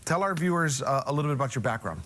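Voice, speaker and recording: Male morning TV host, chatty, upbeat, mid-pitched voice, stumbles over words. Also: animated, rapid-fire, a bit bright. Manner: chatty, enthusiastic, stumbling restarts. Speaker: TV show host. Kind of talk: TV morning show interview.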